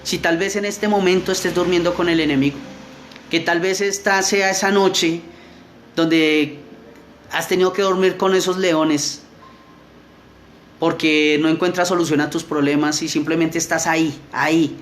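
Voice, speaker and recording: A man with a fairly high voice gives a youth sermon, reading the Bible in slow, careful phrases. He often corrects himself mid-line and keeps asking his listeners to confirm. A faint hiss sits under his voice. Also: fairly even intonation. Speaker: youth preacher. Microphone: streamed to online viewers.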